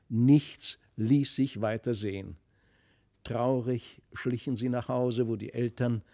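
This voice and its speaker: A man's voice: mid-range voice, creaky, no room sound, clean studio sound. Dramatic male fairy-tale narrator. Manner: expressive, dramatic storytelling.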